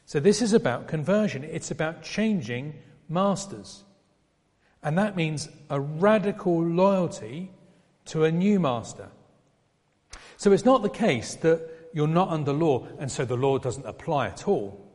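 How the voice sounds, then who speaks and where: A man delivers an expository sermon, unpacking a passage step by step with pauses and small restarts. His voice sits a little high for a man. The sound carries the long reverb of a church hall. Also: animated, a little mellow. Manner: measured, explanatory, with pauses and restarts. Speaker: preacher.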